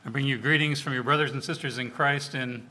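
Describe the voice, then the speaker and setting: On a low-quality recording, a man with a mid-range voice talks briskly to a congregation. He is a preacher and overseer of church outreach, and his sermon unfolds as casual storytelling, with personal tales told animatedly and dialogue acted out.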